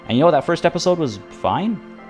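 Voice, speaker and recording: While streaming a game, a man with a fairly high, slightly mellow voice talks quickly, his pitch swinging widely. He rambles and restarts constantly, going off on tangents, and tells his viewers he's losing his voice. Faint music plays in the background.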